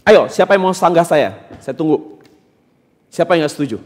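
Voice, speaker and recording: Man, pastor, interactive sermon, high voice, teasing and emphatic, long church-hall reverb. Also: expressive, moderate pace. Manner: questions the congregation directly, teasing and emphatic. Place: church hall during a service.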